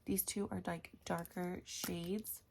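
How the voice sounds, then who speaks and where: A young woman with a morning voice chatting casually as a beauty vlogger, filling her pauses with "um". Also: on the low side, level tone, gravelly, background noise. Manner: chatty, frequent "um" fillers. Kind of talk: casual makeup declutter chat.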